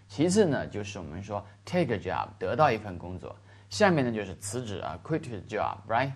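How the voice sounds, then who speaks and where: A man teaching English vocabulary in Chinese, stretching out the English examples slowly and checking in with his listeners. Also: on the low side. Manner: explains in Chinese with slow, drawn-out English examples and frequent "是吧" checks. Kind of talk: classroom lesson explaining vocabulary.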